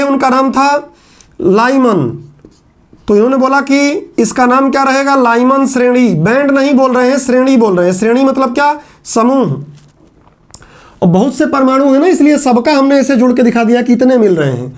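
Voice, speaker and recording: High-voiced male lecturer, repetitive. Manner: conversational, repeats phrases for emphasis. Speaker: teacher. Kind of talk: classroom lecture.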